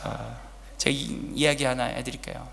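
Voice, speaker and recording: A male pastor preaching a sermon at a church service, swinging between loud urgent lines and hushed whispers and asking the congregation direct questions. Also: medium pitch, fairly even intonation, normal speed, gravelly. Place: church sanctuary, Friday service. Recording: long church hall reverb.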